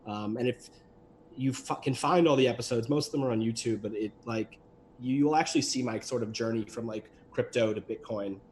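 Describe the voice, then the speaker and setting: A man's voice: medium pitch, a little fast, a little mellow, a little hiss or hum. A young man, a guest on a livestream, talking casually about his voice work, with lots of fillers and restarts. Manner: chatty, rambling with many fillers. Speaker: guest, voice actor and animator.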